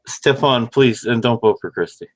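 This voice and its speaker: A man's voice: medium pitch, normal speed, a little hiss or hum. A man co-hosting a talk radio show, laid-back and blunt, laughing along with the host. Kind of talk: casual talk radio banter.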